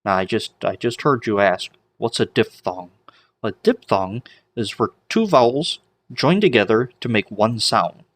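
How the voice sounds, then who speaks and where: Man, teacher, slow deliberate pace, repeats drawn-out vowel sounds, self-deprecating asides. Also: fairly low pitch, expressive, fairly bright tone. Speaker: Greek teacher. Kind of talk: informal recorded lesson.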